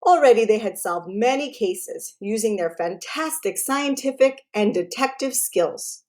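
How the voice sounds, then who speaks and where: Reading a children's book aloud in a slightly high voice, a female storyteller takes an expressive, deliberate approach. She shapes her phrasing clearly so young listeners can follow.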